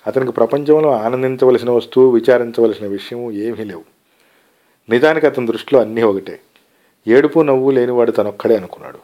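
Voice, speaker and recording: Calm man reading a story aloud. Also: medium pitch, a little fast. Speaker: story reader. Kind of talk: read-aloud short story narration.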